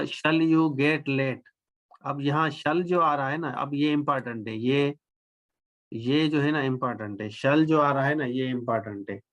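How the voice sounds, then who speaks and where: An older man with a Pakistani accent leads a live online English class into his computer mic. He talks at a slow, deliberate pace at an ordinary pitch. He drifts between Urdu-Hindi and English and draws out each example sentence. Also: a bit bright. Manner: explains slowly, repeats phrases, stretches English example sentences. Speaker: English teacher. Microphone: computer microphone.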